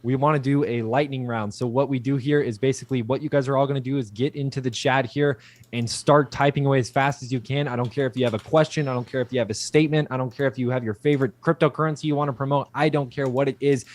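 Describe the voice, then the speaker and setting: A man's voice: mid-range voice, fairly even intonation, fast. A man co-hosting a livestream as a slangy, hyped crypto bro, casually promoting and reading out viewer comments. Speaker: livestream co-host.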